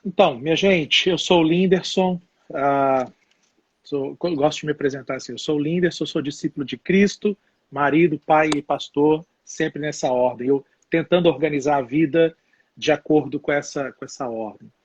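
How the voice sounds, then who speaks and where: Husky mineiro pastor on a muffled call. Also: male voice, a little high, moderate pace. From Brazil, Minas Gerais. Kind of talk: casual live stream conversation. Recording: dull, muffled, dry remote audio.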